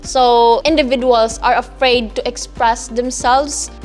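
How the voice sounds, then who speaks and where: A young woman from the Philippines, a youth advocate explaining her views hesitantly, with frequent pauses and fillers. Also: fairly high pitch, steady tone, faint music behind. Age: young adult.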